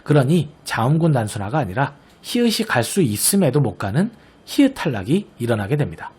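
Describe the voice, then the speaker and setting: Husky-voiced man teaching a lesson. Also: mid-range voice, big pitch swings, darkish tone. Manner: patient, explanatory, often checks understanding with the class; slowly sounds out example words to model pronunciation. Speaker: Korean language teacher. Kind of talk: recorded online grammar lesson.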